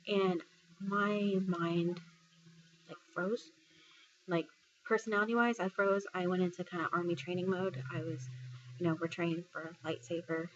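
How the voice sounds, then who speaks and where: A woman's voice: lowish voice, steady tone, a little slow, lo-fi sound, slight background noise. A woman from Texas, a military service member retelling a personal story in a casual vlog, full of fillers and quoting what others said. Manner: conversational retelling, filler-heavy, quotes others' words.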